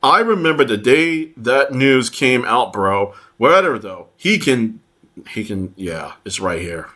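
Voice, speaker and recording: A man commenting on online posts, reading them aloud in a halting way with many fillers and restarts. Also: medium pitch, big pitch swings, a bit bright. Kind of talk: casual commentary over screenshots.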